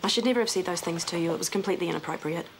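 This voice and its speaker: A guarded ex-wife in a television soap played by a woman talks in a fairly low voice. She is blunt and earnest, over noticeable background noise. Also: rapid-fire, close to an everyday voice. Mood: earnest, firm. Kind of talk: television soap opera dialogue. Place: indoor clinic corridor and locker room. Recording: noisy ambient TV soundtrack.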